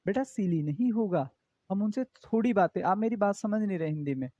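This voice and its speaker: A man's voice: sits high, expressive, a little fast, dark tone, dry recording, lo-fi sound. Male teacher quizzing students. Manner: explains in Hindi with English terms, asks students repeated questions. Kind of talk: exam-prep English grammar class.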